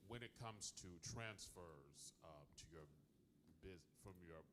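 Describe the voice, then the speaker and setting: Low-voiced man asking a hesitant question. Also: lively intonation, noisy background. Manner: hesitant, halting, corrects himself. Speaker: audience member asking a question. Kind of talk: question from the floor.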